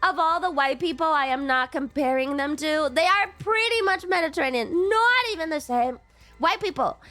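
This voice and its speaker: A woman in her twenties with a cute anime-streamer voice, pitched very high and animated. She chats casually to her livestream viewers in a playful, giggly, excitable way, with music playing. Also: moderate pace. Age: 20s. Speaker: VTuber livestreamer. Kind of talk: casual livestream chat, reacting to viewer messages.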